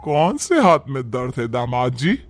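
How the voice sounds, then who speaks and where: A man's voice: mid-range voice, very animated, unhurried, slight background noise. A man voicing a strict, bossy middle-aged mother-in-law who scolds and gives orders in a cartoon. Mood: stern. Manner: scolding, commanding. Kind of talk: cartoon voice acting.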